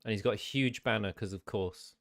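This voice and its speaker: A man's voice: on the low side, brisk, gravelly, fairly bright tone. A man co-hosting a podcast, chatting casually with dry, teasing humor and frequent swearing. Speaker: podcast co-host. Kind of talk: casual banter.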